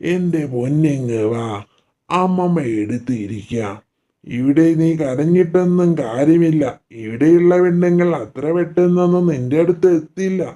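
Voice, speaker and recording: A man voicing a grumpy old grandmother in a doll story, nagging and sharp-tongued but sweet to the baby. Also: fairly high pitch, normal speed, natural voice. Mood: doting.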